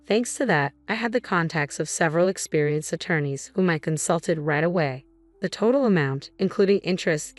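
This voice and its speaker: A middle-aged woman reading a first-person story in a calm, measured, cool tone. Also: low voice. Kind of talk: scripted first-person narration.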